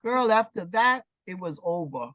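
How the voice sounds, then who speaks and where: A woman's voice: lowish voice, normal speed, no echo, highs cut off. Emphatic woman in her sixties, dry sound. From New York City. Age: 60s. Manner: emphatic storyteller, animated and repetitive. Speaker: guest artist. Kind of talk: casual interview chat.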